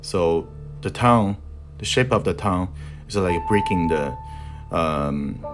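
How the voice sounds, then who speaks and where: Music plays in the background as a young man explains, in a voice-over, how he designs tattoos. His voice is low-pitched and expressive, with a Chinese accent; Mandarin is his native tongue, so he speaks haltingly and gropes for words. He works as a tattoo artist and art instructor.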